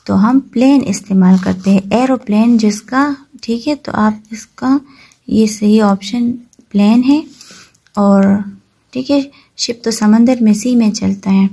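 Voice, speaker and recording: A woman from Pakistan teaching a children's textbook lesson, reading English lines slowly and explaining each one in plain words. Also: mid-range voice, vocal fry, warm tone, breathy edge. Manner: slow and patient, reads English lines slowly, then explains in Hindi-Urdu.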